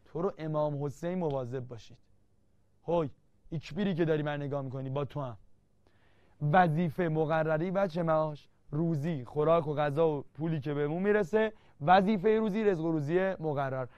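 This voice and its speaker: A man's voice: a little high, darkish tone, dry recording. A man teaching an exam-prep literature lesson, playful and teasing, repeating key terms again and again to drill them. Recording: dull lo-fi dry sound.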